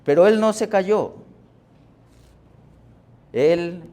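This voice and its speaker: A man preaching a sermon as pastor, deliberate, with pauses and fillers, rising in force on key words. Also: sits high, a little mellow. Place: church.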